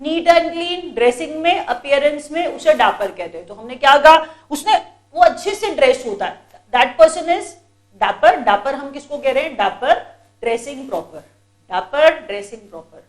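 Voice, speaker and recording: A woman's voice: high-pitched, lively intonation, moderate pace. A woman teacher runs an exam-prep vocabulary lesson. She drills each word over and over in a patient, repetitive way and calls her students children.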